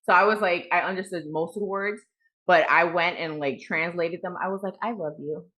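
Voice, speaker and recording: A woman's voice: fairly low pitch, a little fast, sharp tone. A woman co-hosting a casual book review podcast, frank and profane, with many fillers. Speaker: podcast co-host.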